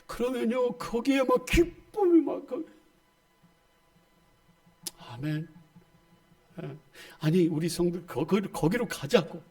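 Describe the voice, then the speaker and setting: Emphatic pastor with lively pitch. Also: male voice, slow pace, pauses often. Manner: emphatic, swings between loud exclamations and soft asides. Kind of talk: sermon.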